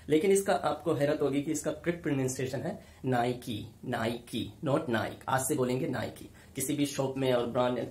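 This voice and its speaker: A man's voice: medium pitch, darkish tone, roomy sound. A man teaching English pronunciation, repeating each word several times as he drills it. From South Asia. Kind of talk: spoken English lesson.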